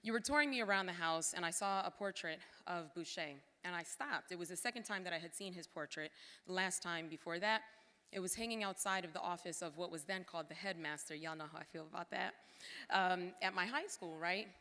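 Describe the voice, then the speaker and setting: A woman with a lowish, slightly fast, pushed and bright voice thanks everyone emotionally at a formal gala. She's the former director of a cultural center, and her speech, sprinkled with casual asides to the crowd, echoes with long hall reverb.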